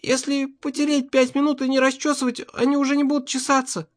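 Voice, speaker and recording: A man voicing a frightened little girl who complains that her bite itches, in a high, whiny, soft voice. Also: completely flat delivery, brisk.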